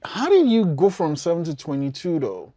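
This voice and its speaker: A podcast host who asks questions in a casual way and reacts readily to the answers. The pitch swings widely, and the voice sits mid-range. The recording is close and dry. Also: very animated, normal speed, dark tone, no room sound. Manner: chatty, reactive, lots of fillers. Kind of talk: casual interview.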